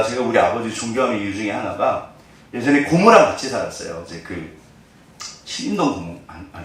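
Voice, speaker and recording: A man preaching a sermon as a pastor, animated, moving between loud exclamations and soft, hushed quotes. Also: mid-range voice. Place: church sanctuary. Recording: echoey church hall, mic at a distance.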